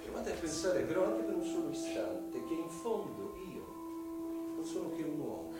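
An actor in an Italian radio drama plays a scheming, lecherous widowed landowner of middle age who is insinuating and self-justifying, speaking theatrically with pauses and hushed words. His male voice is fairly high with big pitch swings and sounds pleading and insinuating. The recording is very echoey, with the voice distant over music.

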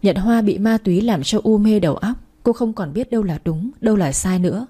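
Woman with a dark, husky storytelling voice. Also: mid-range voice, a little fast. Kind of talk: scripted narration of a dramatic story.

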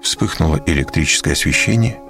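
A man reads a story aloud in a very deep voice with a gravelly edge. His delivery is expressive, and his intonation rises and falls a lot. Faint music plays behind him. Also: brisk. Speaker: audiobook narrator. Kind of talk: scripted narration.

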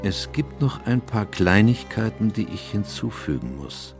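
Low-voiced, weary old doctor narrating. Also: male voice, very animated, measured pace, over music. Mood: grave, reflective. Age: older. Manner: solemn, reflective. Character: aged doctor Watson, weary melancholy chronicler of his friend's cases. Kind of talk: literary radio drama narration.

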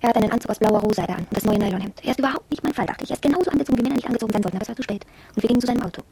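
In a radio drama monologue, an actress plays a proud, headstrong young shop apprentice, confiding matter-of-factly in a husky voice. She speaks rapid-fire, fairly high in pitch with a dark tone, and sounds intrigued as she recounts events.

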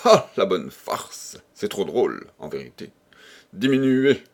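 A man's voice: fairly low pitch, sing-song, takes it slowly, a little mellow, heavily acted. A man reading the part of an insistent, mocking middle-aged wife in an audiobook. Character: forceful scornful middle-aged concierge's wife.

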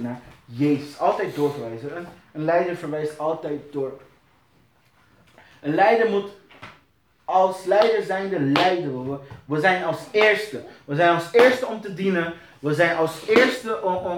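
A man teaching church leaders, animated, repeating phrases and searching for words. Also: fairly high pitch, roomy sound, a little hiss or hum. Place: church hall.

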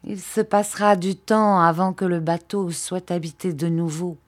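A quiet, gentle old fisherman, as a woman reader voices him. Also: fairly low pitch, steady tone, moderate pace, natural voice. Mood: subdued. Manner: quiet, subdued. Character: old fisherman, gruff but gentle man.

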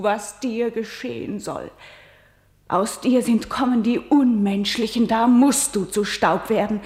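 An actress as doomed Antigone, slow and echoing. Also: female voice, mid-range voice, close to an everyday voice. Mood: whispered farewell. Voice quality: declamatory, swinging between loud cries and whispers. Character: doomed young woman Antigone, defiant and grieving. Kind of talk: classical verse radio drama. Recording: roomy studio echo.

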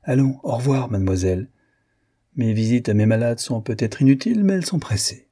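A man's voice: medium pitch, expressive, brisk, mellow, slightly rough. A man reading the part of a teasing, indulgent older male doctor in a novel.

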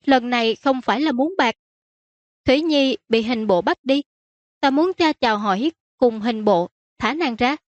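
A woman voicing a spirited young princess, pleading with her father in a high, wheedling voice. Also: normal speed, no room sound, dull audio, lightly acted.

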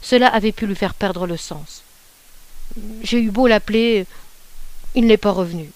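A woman's voice: mid-range voice, normal speed, dry recording, close to an everyday voice. A woman voicing a timid, henpecked young husband who stammers meekly. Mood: desperate. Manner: stammering, meek.

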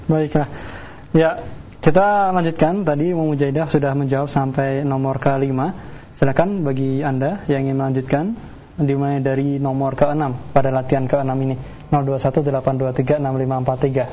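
A man moderates a radio call-in lesson, politely passing the floor along. His voice is mellow and level. The broadcast sounds muffled with a faint hum. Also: mid-range voice, level tone, fairly quick. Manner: brief, polite, takes callers and moves things on.

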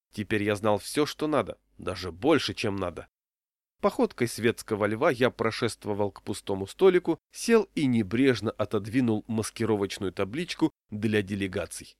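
A man reading a humorous story aloud with wry, deadpan narration. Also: lowish voice, no echo, clean studio sound. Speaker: reader.

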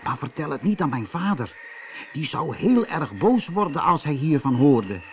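A man voicing a kind young miller's son in a storybook, speaking in a hushed whisper. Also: fairly high pitch, very animated, normal speed, a little hiss or hum.

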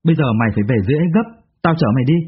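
Brief: a man as a young buddy bringing bad news, urgent and trembling, husky tone, phone-like audio. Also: a little high, sing-song, racing. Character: young male friend, hurried and shaken. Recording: tinny phone-like sound.

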